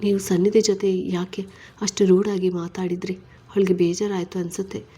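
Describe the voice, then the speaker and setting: A woman's voice: medium pitch, level tone, normal speed, mellow, husky, lightly acted. A woman reading a story, voicing a caring young wife who coaxes and soothes her husband. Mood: coaxing.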